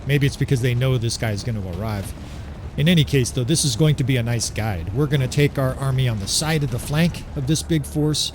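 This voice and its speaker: Against a noisy background, a mid-range male voice delivers fast-ish gameplay commentary on a strategy title. He's upbeat and conversational, habitually ending his remarks with "right?"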